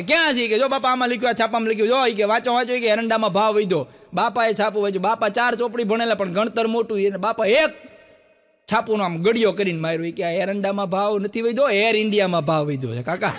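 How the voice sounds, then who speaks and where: The sound of a big room surrounds a stand-up joke teller sharing Gujarati folk jokes with a live crowd. Animated throughout, he acts out every quoted character with shifts in pitch, and laughter rises behind him.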